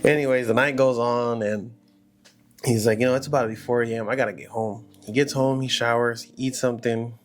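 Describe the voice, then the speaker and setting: A man's voice: medium pitch, fairly even intonation, fairly quick. A man casually telling a horror story aloud, in a loose, rambling conversational way full of "you know" and "like".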